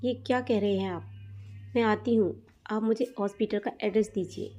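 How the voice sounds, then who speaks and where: A woman's voice: mid-range voice, fairly even intonation, normal speed, warm tone, natural voice. A woman voicing a tender young widowed mother. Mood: alarmed. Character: young widowed mother, gentle but protective.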